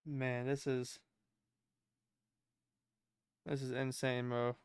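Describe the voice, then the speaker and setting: Young male co-host, casual and slangy, very smooth clear voice, little pitch movement, dry close sound. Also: level tone, drawn-out words, no room sound. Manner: slangy, informal. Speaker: livestream co-host. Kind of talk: casual chat.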